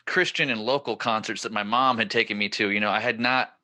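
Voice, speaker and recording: Male podcast host, 40s, bright, energetic, rambling storyteller. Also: lowish voice, brisk. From northern California. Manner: excited, rambling storyteller who gets louder at the punchlines. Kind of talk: casual storytelling chat.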